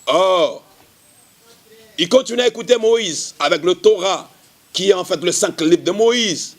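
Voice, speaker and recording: A male pastor giving a measured televised sermon, often repeating the same explaining phrase. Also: high-pitched. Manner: measured preaching, repeats "qui est en fait".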